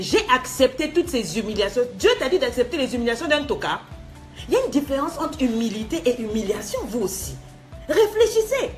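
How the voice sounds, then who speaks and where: Animated high-voiced woman coach scolding. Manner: scolding, mocking, laughing, mixes in English phrases. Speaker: life coach. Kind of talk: animated motivational talk.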